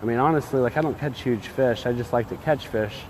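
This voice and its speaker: A man's voice: mid-range voice, brisk. A man chatting casually and informally as he hosts a fishing livestream from under a bridge, rambling and offering modest opinions. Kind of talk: casual chat while fishing. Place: outdoors under a concrete bridge by a creek. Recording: noisy outdoor phone recording under bridge.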